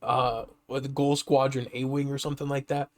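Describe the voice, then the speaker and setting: A man co-hosting a casual gaming podcast, telling stories animatedly and jumping high when he acts out reactions. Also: level tone, a little fast. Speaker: podcast co-host.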